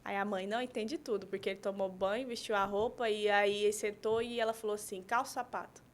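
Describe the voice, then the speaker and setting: Uma mulher convidada, pedagoga e terapeuta, explicando com exemplos numa conversa de podcast e pontuando as frases com "né?". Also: female voice, mid-range voice, fairly even intonation, fast talker. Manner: explains with examples, frequent "né?". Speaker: guest, pedagogue and therapist.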